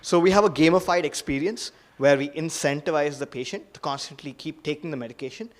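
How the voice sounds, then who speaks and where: A young man, a student entrepreneur, pitching his startup eagerly with many fillers like "like" and "uh". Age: young adult. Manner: quick, filler-heavy, eager explaining.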